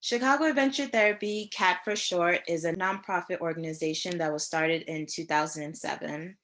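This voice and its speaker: A woman gives a clear, informative scripted narration as presenter of a nonprofit's program. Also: fairly low pitch, brisk, fairly bright tone.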